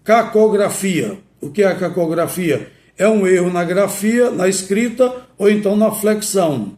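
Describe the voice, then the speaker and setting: Guy teaching grammar, kinda high voice, spells stuff out slowly. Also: expressive, darkish tone, roomy sound. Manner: slow, deliberate, spells words out letter by letter. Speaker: Portuguese language teacher. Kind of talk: didactic video lesson.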